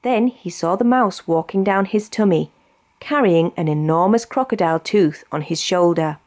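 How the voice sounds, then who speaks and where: A woman with a British accent narrating a children's storybook expressively, with deliberate phrasing. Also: lowish voice, darkish tone. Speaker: storybook reader.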